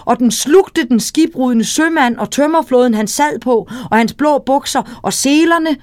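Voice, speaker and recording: A woman reads a children's tale aloud in a slightly high voice, lively and speaking to the listener. The sound is close and dry, with no room around it. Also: no echo. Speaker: storyteller. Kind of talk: reading a children's story aloud.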